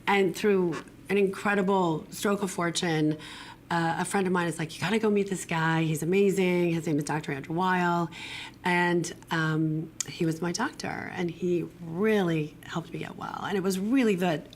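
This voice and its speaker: Low, raspy middle-aged woman with smoker's rasp. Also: steady tone, moderate pace, slight background noise. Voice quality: raspy smoker's rasp from damaged vocal cords. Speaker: guest, acupuncturist and integrative medicine doctor. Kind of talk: personal storytelling in an interview. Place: broadcast studio.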